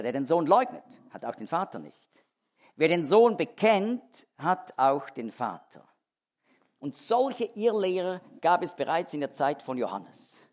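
A man teaching a sermon verse by verse, explaining emphatically and often restarting his sentences. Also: high-pitched. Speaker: Bible teacher. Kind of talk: expository sermon.

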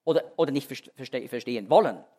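A man's voice: mid-range voice, animated, quick pace, dark tone, slightly rough. A man teaching a sermon verse by verse, explaining emphatically and often restarting his sentences. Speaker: Bible teacher. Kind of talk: expository sermon.

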